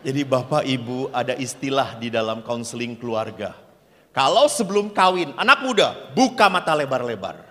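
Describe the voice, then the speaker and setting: Bright, lively-voiced priest in echoing hall. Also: male voice, mid-range voice, moderate pace. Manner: jokey storyteller acting out dialogue. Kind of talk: humorous sermon with storytelling. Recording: reverberant hall.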